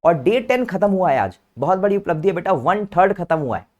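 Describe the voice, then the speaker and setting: A man's voice: high-pitched, big pitch swings, fairly quick, a little mellow, muffled recording. A male teacher giving an online vocabulary lesson, patiently spelling each word out letter by letter and calling his students "beta" in a fond, coaxing way. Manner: calls listeners "beta" fondly.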